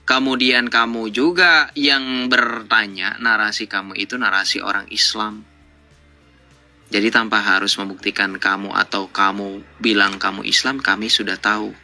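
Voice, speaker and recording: Sharp-voiced man mocking and lecturing. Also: fairly low pitch, fairly even intonation, normal speed, faint music behind. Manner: mocking, lecturing, rhetorical questions. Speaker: live-stream debate host. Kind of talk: confrontational live debate with callers.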